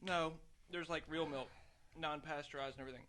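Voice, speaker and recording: A man's voice: fairly high pitch, fairly quick, a little hiss or hum. A man hosting a podcast in casual chat, joking and teasing his guest. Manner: joking, excitable banter. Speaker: podcast host.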